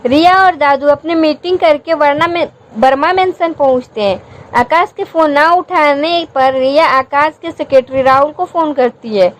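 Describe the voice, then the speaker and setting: A woman narrating a romantic story in an even, steady reading voice. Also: high voice, normal speed.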